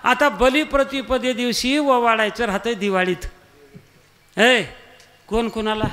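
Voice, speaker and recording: Animated high-voiced male kirtan preacher. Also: unhurried. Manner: animated storytelling, breaks into sung verses. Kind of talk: humorous devotional sermon with singing.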